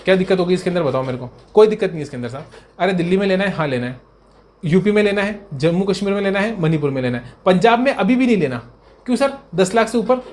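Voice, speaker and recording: A man tutoring accountancy students in a brisk revision lecture. He repeats key points and answers his own questions in a student's voice. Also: sits high, a little hiss or hum. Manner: fond, coaxing tone toward students.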